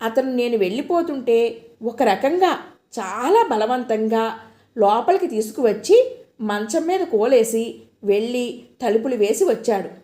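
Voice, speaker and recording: A woman reading an audiobook in even, storytelling narration. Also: fairly high pitch, measured pace. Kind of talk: scripted narration. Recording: echoey room.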